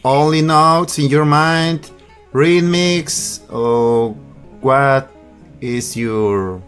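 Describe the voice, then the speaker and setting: Slow, hesitant Ecuadorian interviewer. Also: male voice, fairly high pitch, fairly bright tone, faint music behind. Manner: broken, hesitant questions.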